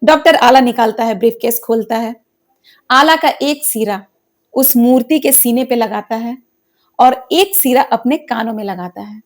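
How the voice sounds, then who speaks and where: A woman's voice: fairly high pitch, measured pace. A woman narrating a devotional folk story in an earnest, dramatic way.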